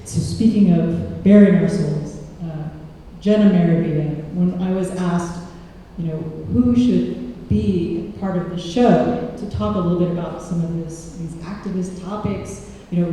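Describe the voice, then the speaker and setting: A woman's voice: fairly low pitch, measured pace, few pauses, mellow, far from the mic. Woman hosting in an echoey hall. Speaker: event host. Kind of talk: casual stage introduction.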